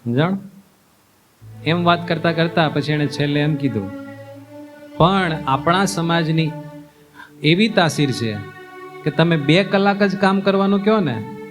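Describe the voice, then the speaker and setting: A man with a fairly high voice delivers a folksy sermon as a monk. He acts out the characters in his stories and keeps asking his listeners questions. Guitar music plays clearly behind him. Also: expressive, measured pace, pauses often. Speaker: monk giving a discourse. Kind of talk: sermon with storytelling.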